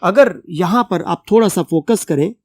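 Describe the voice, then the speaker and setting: An English teacher who reads a text aloud slowly, explains it at length and spells words out letter by letter. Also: medium pitch, darkish tone, no room sound.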